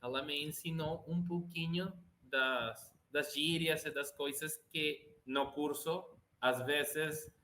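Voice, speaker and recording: This man's voice is slightly high and sharp, with a steady tone, a slow pace and few pauses. A native Spanish speaker from Venezuela, he's an interview guest in a casual chat, speaking Portuguese with a Venezuelan accent and frequently hesitating and restarting to find words.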